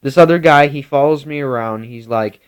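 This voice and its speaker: A man's voice: mid-range voice, normal speed, clean tone. A man telling a meandering improvised story, full of restarts and filler words.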